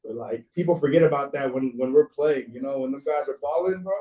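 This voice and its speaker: A man's voice: medium pitch, fast talker. A man chatting casually on a podcast panel in a laid-back way, often adding "you know". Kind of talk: casual chat. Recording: roomy, distant, dull-sounding mic.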